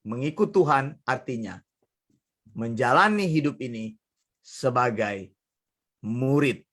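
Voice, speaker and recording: A male pastor preaching a sermon in a lively storytelling manner, often chuckling and addressing the congregation directly. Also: medium pitch, slow pace.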